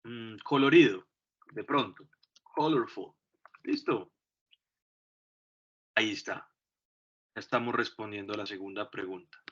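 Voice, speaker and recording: A man with a Colombian Spanish accent gives a classroom English lesson at an unhurried pace. His voice is bright and forward. He explains patiently, checking that everyone follows, and the recording is dull and lo-fi. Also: fairly low pitch. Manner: patient, explains step by step, often checks in with "listo". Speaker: English teacher.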